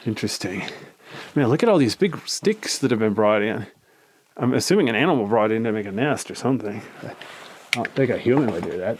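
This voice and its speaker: A man giving a casual, rambling tour commentary in a laid-back manner, filming himself exploring inside a cave. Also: medium pitch. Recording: clear background noise, handheld cave recording.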